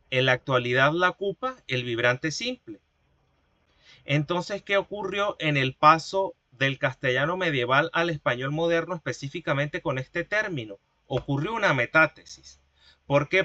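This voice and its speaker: A male teacher lectures over a video call in a bright, clear voice pitched a little high. He explains slowly and methodically, repeating terms and asking rhetorical questions that he then answers himself. The sound is dry and slightly dull. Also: no echo. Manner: slow, didactic, repeats key terms and asks rhetorical questions. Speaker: university linguistics teacher. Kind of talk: online class lecture.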